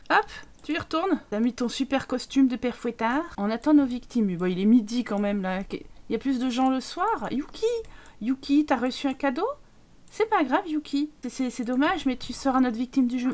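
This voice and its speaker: A woman giving casual let's-play commentary, excitable, laughing often and talking to her game characters. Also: high-pitched. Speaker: gaming YouTuber.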